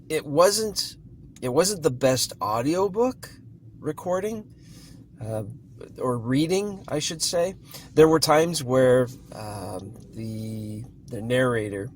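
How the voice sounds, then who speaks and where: Slow, unhurried man reviewing a book. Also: fairly low pitch, a little hiss or hum. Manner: rambling and hesitant, with many restarts. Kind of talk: casual spoken book review.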